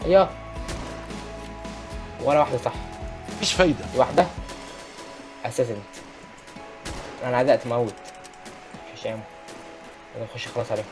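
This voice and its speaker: A young man with an Egyptian Arabic accent giving excitable gameplay commentary, often shouting at enemies. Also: medium pitch, a little fast, long pauses, music in the background. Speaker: gaming YouTuber.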